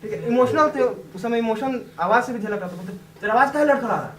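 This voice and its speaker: A man's voice: extremely high pitch, fast talker. A young man telling a class the personal story of his exam success, chatty and laughing often as he talks. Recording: echoey room, distant mic, background noise.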